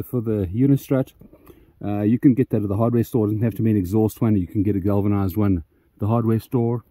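Outdoors, a DIY solar channel host shows off the solar panel mount he built himself in a casual walkthrough vlog. His mid-range voice has a warm tone, and there's no room sound. He rambles, full of ums and restarts, and sounds a little out of breath.

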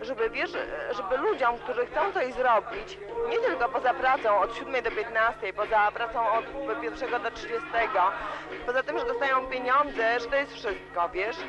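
Over a noisy crowd and loud music at a student club party, a woman in her twenties speaks at normal speed in a higher-pitched voice. She gives a rambling, emotional interview to student radio, repeating "you know", preserved on dull, lo-fi old cassette tape.

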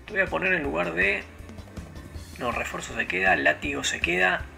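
A man's voice: a little high, moderate pace, vocal fry, pushed and bright. A man with a Rioplatense Spanish accent giving casual, digressive gameplay commentary full of fillers. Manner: rambling, digressive storytelling with frequent fillers. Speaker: let's play host. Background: video game music.

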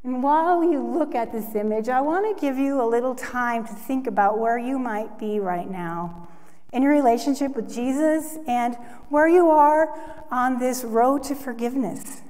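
A woman preaching a sermon in a church, earnest and expressive, lifting her voice for emphasis. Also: a little high, normal speed. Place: church sanctuary. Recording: long hall reverb.

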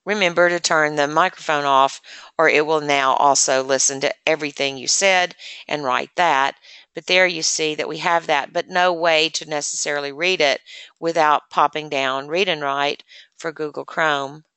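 A woman presenting a software demonstration lesson, explaining step by step in a chatty way with many fillers, close to the mic. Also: sits low, steady tone, normal speed, clear, resonant tone, no echo. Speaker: assistive technology presenter.

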